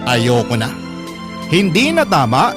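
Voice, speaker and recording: A man with a medium-pitched voice plays a radio host reading a love story told in the first person, with music behind him. His storytelling is measured, expressive, and dramatic.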